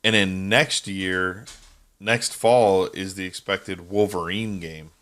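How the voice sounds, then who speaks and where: A man's voice: deep voice, steady tone, takes it slowly, a bit bright. A man co-hosting a casual podcast, rambling and chatty, often tripping over names. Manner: rambling, stumbles over names, laughs easily. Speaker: podcast co-host. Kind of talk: casual chat.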